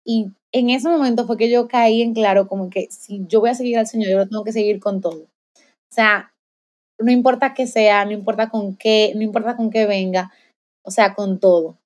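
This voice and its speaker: A woman's voice: medium pitch, steady tone, moderate pace, darkish tone. A young woman giving a heartfelt personal faith testimony in conversation, with many fillers and restarts. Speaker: guest sharing a faith testimony.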